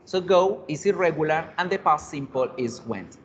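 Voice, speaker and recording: A man's voice: on the high side, expressive, measured pace. Man teaching English in a live online class. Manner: switches between Spanish and English, asks students questions, repeats examples. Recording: dull, lo-fi online class audio with faint hiss.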